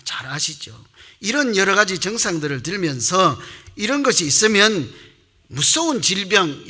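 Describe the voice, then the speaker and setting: A man's voice: fairly high pitch, bright, forceful tone. A middle-aged man preaching a Sunday sermon, asking the congregation questions and acting out the voices he quotes. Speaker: pastor.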